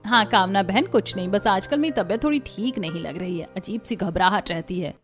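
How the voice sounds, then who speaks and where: A woman voicing a tired working mother-in-law in an animated cartoon, speaking softly and wearily. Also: mid-range voice, fairly quick, faint music behind, natural voice. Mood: puzzled.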